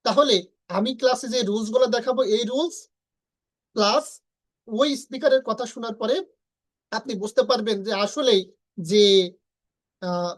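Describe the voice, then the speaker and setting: A woman's voice: fairly high pitch, low-quality recording. A woman teaching English pronunciation in an online lesson, explaining step by step and repeating letter sounds for drill.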